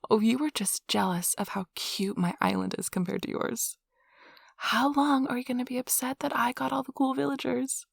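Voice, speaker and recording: This take of the intimate ASMR girlfriend role-play has the woman at a fairly high pitch and moderate pace, breathy and whispering, affectionate, nerdy and teasingly tender. The sound is clean studio audio with no room sound.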